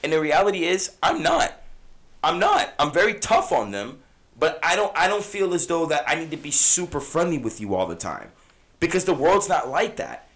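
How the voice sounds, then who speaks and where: Guy in his 30s cohosting a podcast, high-ish voice that bounces around a lot, swears a ton, loose and chatty. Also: moderate pace. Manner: animated, profane, swings from soft to loud. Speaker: podcast co-host. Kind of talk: casual chat.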